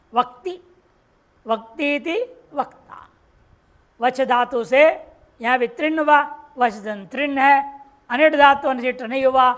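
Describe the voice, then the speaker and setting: In an ashram classroom, a high-voiced woman lectures on Sanskrit grammar. She recites word forms slowly and patiently explains each step.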